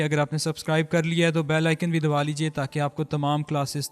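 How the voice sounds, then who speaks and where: Man teaching audio mixing, smooth clear voice. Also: fairly high pitch, in a large hall. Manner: patient, explaining and demonstrating while adjusting a mixer. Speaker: audio tutorial host. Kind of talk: step-by-step spoken tutorial. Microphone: studio microphone through a mixer.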